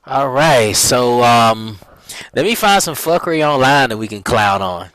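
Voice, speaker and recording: A man hosting a casual chat, relaxed and jokey with blunt opinions. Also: medium pitch, measured pace, smooth, no room sound, rough recording.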